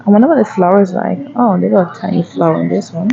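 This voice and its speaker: A woman's voice: lowish voice, fast talker, creaky, muffled recording, a crowd in the background. A woman gardening vlogger chatting casually as she walks a garden center and reads out plant prices. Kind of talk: casual shopping vlog commentary. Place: garden center of a home improvement store.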